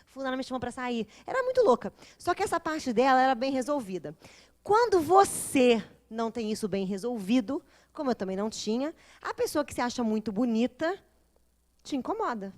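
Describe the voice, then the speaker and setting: A Brazilian woman with a Brazilian Portuguese accent giving an informal, humorous classroom lecture, acting out the voices of the people in her stories. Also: sits high. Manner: animated and humorous, acts out quoted voices. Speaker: lecturer of a spiritist psychology course.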